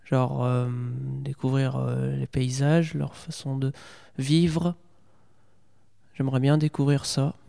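Young male interviewee, hesitant and halting, flat warm voice, reverberant room. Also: mid-range voice, vocal fry. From Portugal. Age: young adult. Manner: hesitant, many fillers and restarts. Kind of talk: casual interview.

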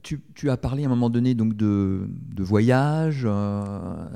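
A man's voice: on the low side, lively intonation, a little slow, vocal fry, mellow, clean tone, big-room sound. A man interviewing a young guest, asking long rambling questions with fillers and restarts. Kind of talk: casual interview.

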